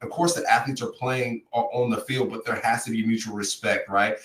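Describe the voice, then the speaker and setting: On this casual sports podcast, a male co-host and ex-player speaks briskly with medium pitch, fairly even intonation, and a fairly bright tone. Emphatic, he hammers key points repeatedly and calls his co-host by name. The poor recording is roomy, with him far from the mic.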